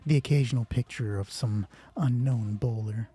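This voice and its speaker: A man runs a solo roleplay game as game master, alternating hushed, terse scripted story narration with informal commentary on play, swearing and thinking aloud. His voice is mid-range, warm and husky at a normal speed. Music plays in the background.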